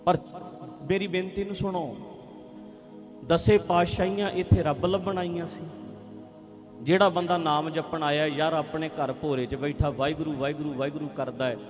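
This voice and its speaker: A male preacher giving an impassioned religious speech, emphatic and full of rhetorical questions, swinging between loud and hushed. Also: on the high side, steady tone, moderate pace, long reverb tail, music in the background.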